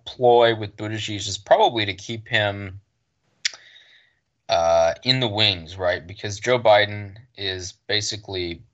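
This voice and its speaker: A man's voice: fairly low pitch, a bit bright, dull audio. A man co-hosting a casual political podcast, speaking bluntly with frequent restarts and fillers. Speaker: podcast co-host.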